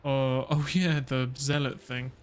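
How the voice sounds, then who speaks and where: A man's voice: mid-range voice, fairly even intonation, measured pace, smooth, faint music behind. A man streaming a strategy game, thinking aloud and muttering his moves in casual commentary.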